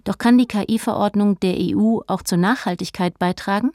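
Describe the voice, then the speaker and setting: A woman narrating a documentary script in a measured, informative tone. Her voice sits in the middle range and is recorded close and dry, with no room sound. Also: medium pitch, a little mellow, no echo.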